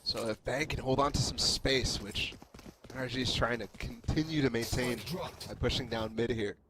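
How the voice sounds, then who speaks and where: Mid-pitched male esports caster, analytical. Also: moderate pace, very noisy. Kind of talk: live esports analysis commentary.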